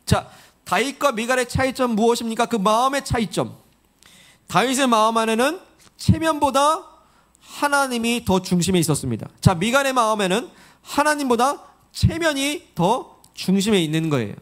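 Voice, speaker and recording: A man's voice: very high voice, expressive, normal speed, fairly bright tone. A man preaching a sermon to his congregation in church, earnest and coaxing, asking questions and leading call-and-response. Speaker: pastor. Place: church sanctuary.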